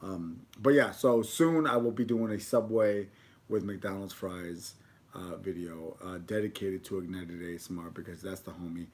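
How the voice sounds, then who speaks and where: A man's voice: sits low, moderate pace, darkish tone. A man chatting informally on a food livestream, rambling along with casual slang. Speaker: food video creator.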